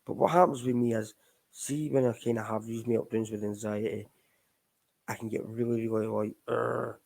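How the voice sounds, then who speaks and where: Middle-aged Scottish man, recovery show host, gravelly and low-toned, loose candid ramble. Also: flat delivery, moderate pace, dark tone, low-quality recording. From Scotland. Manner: candid, rambling, addresses listeners as folks. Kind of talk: casual live chat.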